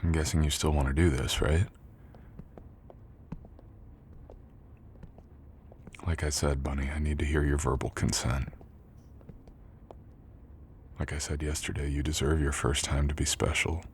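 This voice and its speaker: A young man with a very low voice plays a protective, tender college jock in intimate boyfriend-style ASMR. He speaks fairly quickly in a steady tone, softly teasing and gently reassuring, with clearly audible background noise behind him.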